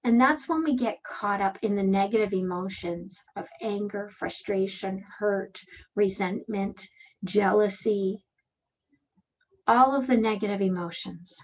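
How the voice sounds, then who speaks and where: A woman giving a calm motivational presentation, speaking gently and reflectively with slow phrasing and pauses. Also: mid-range voice, rough recording. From Canada. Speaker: speaker and workshop leader.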